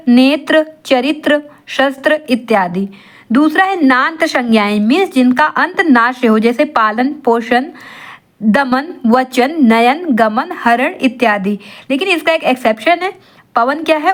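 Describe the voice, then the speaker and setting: In a classroom-style exam lesson, a woman with a high voice tutors in Hindi, mixing in English terms. She poses rhetorical questions and then answers them herself.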